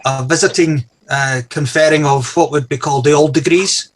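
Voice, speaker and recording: A man's voice: on the high side, fairly even intonation, normal speed, slight background noise. A Scottish man on a panel who speaks hesitantly, often restarting sentences. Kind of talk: casual panel discussion.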